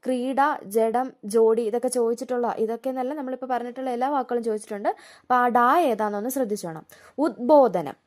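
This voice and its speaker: Woman slowly dictating spelling words. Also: a little high, fairly even intonation. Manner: slow, deliberate word-by-word dictation. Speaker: exam coaching teacher. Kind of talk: exam-prep spelling lesson.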